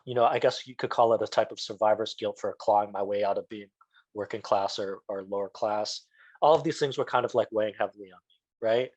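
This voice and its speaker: A man's voice: on the low side, brisk, darkish tone, no echo, muffled recording. A man, a children's book author, speaking in a reflective, rambling way full of fillers. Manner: reflective, rambling, many fillers like "like" and "you know". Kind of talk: interview talk.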